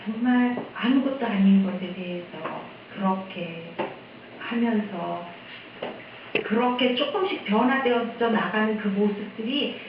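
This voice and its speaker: A woman's voice: medium pitch, background noise. Korean woman missionary speaking in an echoey church. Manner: candid, chatty storytelling. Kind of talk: testimony talk at a church service. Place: church sanctuary. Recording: echoey hall, distant dull mic.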